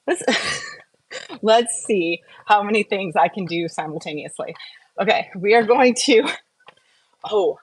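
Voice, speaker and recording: A skincare and wellness vlogger with a lowish voice chats casually in a question-and-answer and review style. She rambles and keeps interrupting herself as she gets distracted, and the audio is poor.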